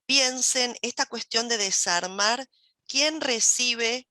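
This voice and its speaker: A woman co-hosting a live online workshop, speaking with emphatic enthusiasm and quick asides as she recommends a film. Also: a little high, sharp tone, no echo.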